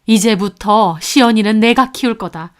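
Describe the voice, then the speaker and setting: A woman voicing an older grandmother in a storybook, shouting furiously at her son in a high strained voice. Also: moderate pace, close to an everyday voice. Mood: stern.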